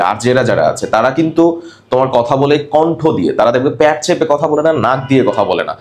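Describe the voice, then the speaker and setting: Brisk, emphatic male instructor. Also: fairly high pitch, a little mellow. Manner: brisk, emphatic, mixing in English words, corrects pronunciations. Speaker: cabin crew coaching instructor. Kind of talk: classroom teaching. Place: classroom with students.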